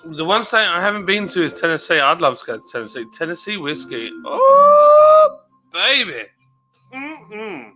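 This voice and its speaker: A man's voice: high-pitched, wildly swooping pitch, measured pace, bright, forceful tone, faint music behind. A man hosting a casual late-night live stream, chatting away in a rambling manner and reading viewer comments aloud.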